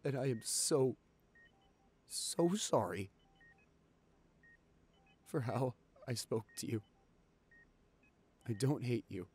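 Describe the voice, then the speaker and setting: A young man voicing a caring, anxious boyfriend in an audio role-play, talking softly and reassuringly to his sick partner. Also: mid-range voice, lively intonation, slow pace, pauses often, breathy edge. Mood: tender. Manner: soft, soothing, reassuring. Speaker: voice actor reading a listener script.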